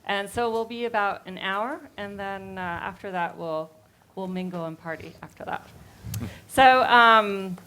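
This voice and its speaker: A woman's voice: mid-range voice, measured pace, sharp tone. A woman speaking in front of an audience as host of a launch event, welcoming people in a casual, slightly hesitant way. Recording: noisy live room with ambience.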